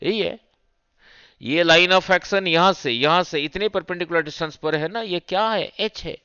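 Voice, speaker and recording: A man teaching a fast physics revision lesson, his voice bright and clear, slow and deliberate in delivery. He keeps checking whether students follow and throws questions at them. The sound is dry and a little dull. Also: high-pitched, dry recording. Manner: mixes Hindi with English terms, quizzes students with repeated checks. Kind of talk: fast exam revision lecture.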